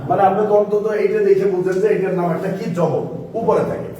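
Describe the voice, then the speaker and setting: A man leads a Quran reading lesson, breaking words down letter by letter and quizzing the class. His voice is high and mellow. He is recorded from a distance in a very echoey room. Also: fairly even intonation, quick pace, lo-fi sound. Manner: explains step by step, asks the class questions. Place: mosque-side classroom.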